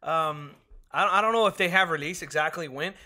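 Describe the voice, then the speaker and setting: Bright high-voiced excitable male podcaster. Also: brisk. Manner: excitable, laughs often, steers back to topics. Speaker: podcast co-host. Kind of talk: casual chat.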